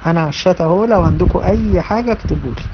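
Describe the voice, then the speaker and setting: A woman's voice: on the low side, racing, lo-fi sound, slight background noise. A woman with an Egyptian accent giving an online religious lesson, speaking emphatically, repeating her phrases and addressing her students directly. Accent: Egyptian Arabic. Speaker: religion teacher.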